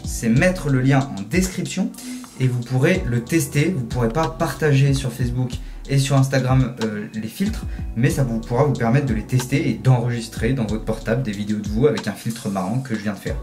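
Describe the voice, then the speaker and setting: A man's voice: medium pitch, a little fast, over music. Chatty man explaining a tutorial. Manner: chatty, jokey, step-by-step explaining. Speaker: video host. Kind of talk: casual software tutorial.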